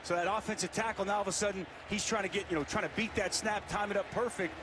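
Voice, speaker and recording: A man giving animated, explanatory live football analysis as a color commentator. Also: sits high, fast talker, background noise.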